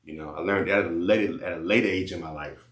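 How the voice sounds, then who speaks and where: A man with a very low voice gives blunt, preachy life advice in loose slang, often saying the same thing twice. His voice echoes around a bare room. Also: a little fast. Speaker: vlogger giving life advice. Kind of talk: casual advice monologue and phone chat.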